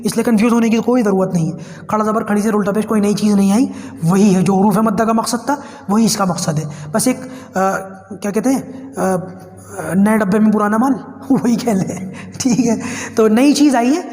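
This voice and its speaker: A man teaching Quran reading, drawing out each syllable in slow spelling drills between quick explanations. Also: high-pitched, a little mellow, roomy sound, big-room sound. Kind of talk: spelling lesson for learners.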